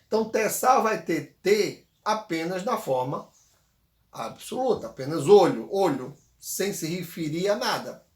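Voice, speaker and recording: A man teaching a grammar lesson, patiently repeating words slowly so the viewer can say them back. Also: sits high, lively intonation, echoey room. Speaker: Tupi language teacher.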